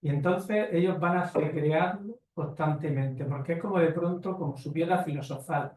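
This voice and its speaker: This panel speaker's voice is a little high and slightly mellow, moving at normal speed as he takes questions at a conference. He lectures emphatically, speaking bluntly and using rhetorical questions on the audience, recorded distantly in a reverberant hall.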